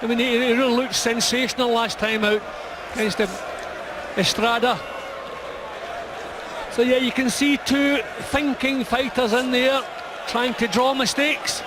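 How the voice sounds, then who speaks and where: A man's voice: extremely high pitch, little pitch movement, unhurried, pauses often. A man giving analytical live boxing commentary in a raised, projected voice. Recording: live arena broadcast, very loud crowd noise.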